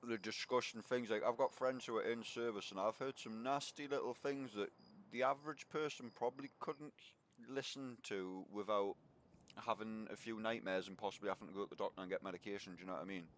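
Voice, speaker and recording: A man's voice: lowish voice, brisk, slight background noise. A man from Northumberland with a mixed Northumbrian and Geordie accent, talkative, laid-back and sweary, chatting casually while gaming online. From Northumberland, England. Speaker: game streamer.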